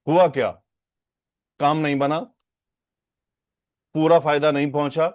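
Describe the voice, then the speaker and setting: A man teaching a religious text in an unhurried lecture style, repeating phrases, breaking down their grammar and asking his listeners rhetorical questions. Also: fairly high pitch, flat delivery, darkish tone, no room sound, muffled recording. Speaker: hadith teacher. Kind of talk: Urdu lesson on Arabic hadith grammar.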